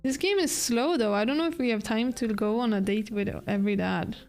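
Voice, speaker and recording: Brief: casual female streamer, fairly high voice with vocal fry, faint game music behind. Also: a little fast, darkish tone. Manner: blunt, swears, laughs.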